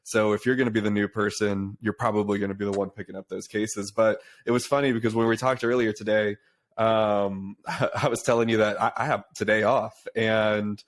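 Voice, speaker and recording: Young man, podcast host, relaxed chatty talk, low voice, flat delivery. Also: a little fast. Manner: relaxed, chatty, says "dude" and "uh" often. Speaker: podcast host, pharma sales rep. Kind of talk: casual podcast conversation. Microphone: remote call.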